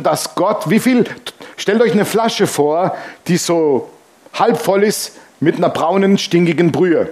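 A male preacher with a somewhat high voice delivers an animated sermon. He acts out the lines of the people he quotes with dramatic shifts of voice, then drops back into plain preaching. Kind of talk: lively sermon with acted-out dialogue.

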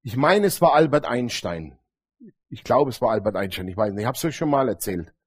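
Lively husky-voiced male preacher. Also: medium pitch, a little fast. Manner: animated, storytelling, frequent Amen calls to the congregation. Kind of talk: sermon.

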